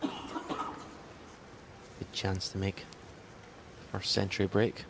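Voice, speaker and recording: A man giving quiet, measured, analytical snooker commentary on a broadcast. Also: sits low, completely flat delivery, vocal fry, background noise.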